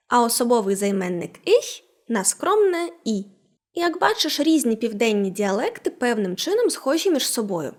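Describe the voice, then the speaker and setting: Female teacher narrator, fairly high, very lively intonation, clearly enunciated scripted lesson. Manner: animated, clearly enunciated explanations. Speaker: language teacher.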